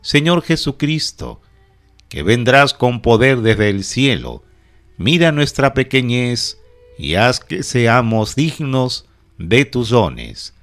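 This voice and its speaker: Male prayer leader, mid-range voice, unhurried, solemn liturgical recitation in measured phrases. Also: medium pitch, very animated, fairly bright tone, faint music behind.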